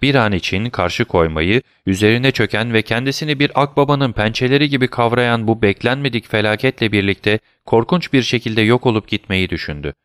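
A man narrating a classic novel as a steady, measured audiobook reader. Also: medium pitch, clean tone, no room sound, studio quality.

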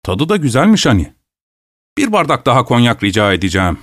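A man's voice: medium pitch, sing-song, a little fast, no echo, clean studio sound. A man voicing a greedy, tactless male dinner guest with a boisterous, self-satisfied manner. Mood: gleeful.

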